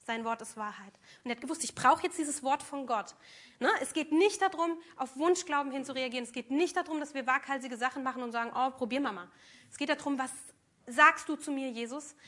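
A woman's voice: high voice, fast, sharp tone. A woman preaching a sermon, earnest and emphatic, speaking directly to her congregation.

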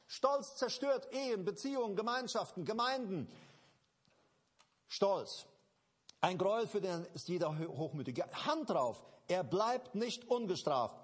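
A man's voice: high voice, slightly rough. A man preaching a sermon to a congregation, emphatic and repetitive, restarting phrases and addressing listeners directly. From Germany.

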